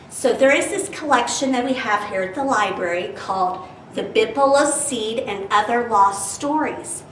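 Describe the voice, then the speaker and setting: A woman hosts a library storytime, speaking straight to the children, prompting them with questions, and introducing and reading stories aloud with expression. Her voice is fairly high and a bit bright. The mic sounds distant and roomy, with faint hiss.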